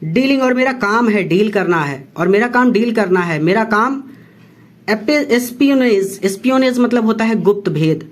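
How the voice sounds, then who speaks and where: A teacher explaining a story line by line, reading English slowly and then translating each phrase with repeated explanations. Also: mid-range voice, expressive. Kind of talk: class lesson explanation.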